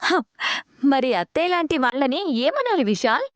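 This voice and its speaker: Brief: barbed, sarcastic young woman, high bright voice, faint score behind. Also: sing-song, normal speed, faint music behind. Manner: sarcastic, pointed. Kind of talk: TV serial dialogue. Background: background score.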